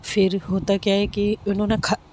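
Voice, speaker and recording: A woman's voice: medium pitch, level tone, normal speed, darkish tone, slight background noise. A woman narrating a love story in a casual, conversational way, with fillers and restarts.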